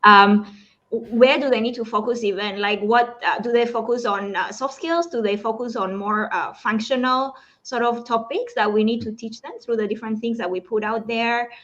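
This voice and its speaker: Hesitant higher-voiced woman, dull sound. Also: fairly even intonation, moderate pace, a bit bright. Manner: hesitant, searching for words. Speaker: podcast guest. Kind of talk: conversational interview.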